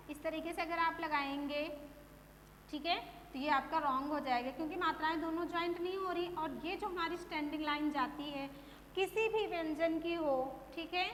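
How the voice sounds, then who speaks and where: High-pitched woman teacher, slow deliberate drilling, roomy echo, faint hum. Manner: slow drawn-out drilling of words, then brisk explanation. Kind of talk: Hindi phonics lesson for children. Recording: echoey room, faint hum.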